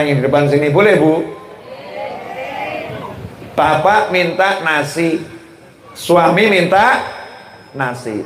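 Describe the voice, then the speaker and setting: A man delivers a sermon to a gathered audience. His voice sits high, and he keeps the talk light with jokes and questions to the listeners. The hall around him rings with echo. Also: slight background noise. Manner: humorous, questions the audience, acts out dialogue. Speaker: preacher. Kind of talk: Islamic sermon to a live audience.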